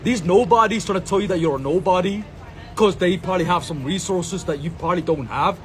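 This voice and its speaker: With a little hiss or hum in the audio, a high-pitched, fairly quick-talking man from Sri Lanka rambles through an outdoor monologue in a public space. He is a content creator filming himself, and his talk is full of slang, fillers and repeated catchphrases.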